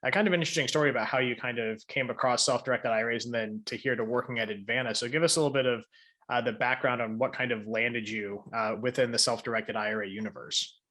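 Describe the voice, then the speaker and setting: A man hosting a podcast, chatting at an ordinary mid pitch. He is loose and conversational and leans on fillers as he sets up his questions. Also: fairly even intonation, quick pace, sharp tone. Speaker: podcast host. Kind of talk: podcast interview and scripted explainer segments.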